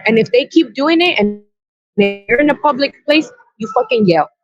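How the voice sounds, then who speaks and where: A woman's voice: high voice, expressive, normal speed, dry recording. A woman guest on a podcast telling a personal story with blunt, earnest, profane reported dialogue. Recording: dull, dry lo-fi sound.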